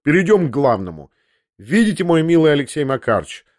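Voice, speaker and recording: A man's voice: on the high side, sing-song, no echo, clean studio sound, voice pushed up. A man reading aloud and voicing a feverish, agitated aristocrat who talks in a rush and keeps repeating himself. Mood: hurried, distracted. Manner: rushed, flustered, repeats himself.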